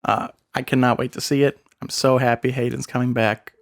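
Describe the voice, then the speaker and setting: A man's voice: medium pitch, little pitch movement, a little fast, gravelly, no echo. A young man hosting a podcast in a casual chat, leading the segments with dry teasing. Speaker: podcast host.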